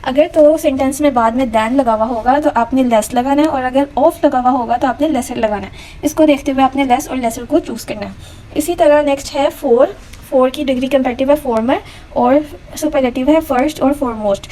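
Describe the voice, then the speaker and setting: A woman with a high voice teaches grammar in a lecture, patient and methodical. She reads each example sentence slowly. A faint hiss sits under the recording. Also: dark tone, low-quality recording. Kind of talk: explaining a lecture.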